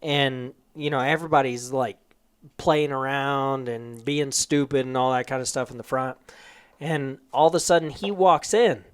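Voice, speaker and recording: A man's voice: mid-range voice, moderate pace, clean tone. A man hosting a podcast, telling stories in a casual, rambling way with swearing and laughter. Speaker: podcast host. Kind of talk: casual chat.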